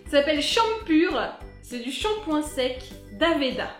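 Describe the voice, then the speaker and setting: A young woman talks through a casual beauty review with a playful, chatty manner and now and then breaks into sung asides. Her voice sits a little high. The room is echoey, with faint music behind her. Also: lively intonation, a little slow. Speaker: beauty vlogger.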